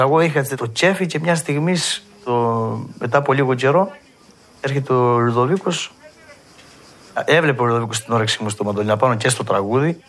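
A man with a Cretan accent, a mandolin player telling stories from his past and acting out old conversations in a lively way. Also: mid-range voice. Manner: lively storyteller who acts out past dialogue. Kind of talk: reminiscing storytelling.

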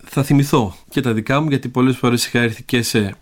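Man interviewing in measured, formal speech. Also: mid-range voice, steady tone. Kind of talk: reflective interview talk.

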